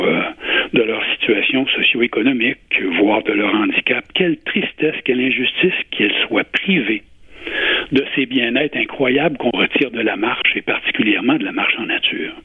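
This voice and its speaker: A man in his sixties with a Quebec French accent, giving earnest, deliberate interview answers and pausing to search for his words. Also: mid-range voice, breathy edge. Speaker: interview guest, retired public servant and volunteer. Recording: muffled phone-like radio line with echo.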